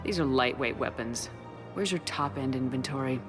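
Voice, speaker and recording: Commander Shepard, cool and terse. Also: female voice, a bass voice, moderate pace. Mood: cool, businesslike. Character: composed, firm woman space military commander. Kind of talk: dramatic video game dialogue. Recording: music behind the voice.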